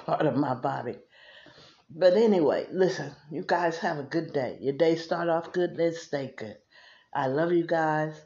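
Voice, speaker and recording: A woman chatting casually and affectionately to her viewers, out of breath and laughing softly now and then. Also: low voice, lo-fi sound. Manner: slow, folksy and affectionate, with soft laughs. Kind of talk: casual encouraging chat to viewers.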